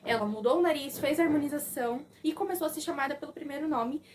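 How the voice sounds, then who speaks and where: A young woman with a Brazilian Portuguese accent gives a casual, lively recap of a film and acts out the characters' lines. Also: high-pitched, quick pace, slight background noise. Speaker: film reviewer.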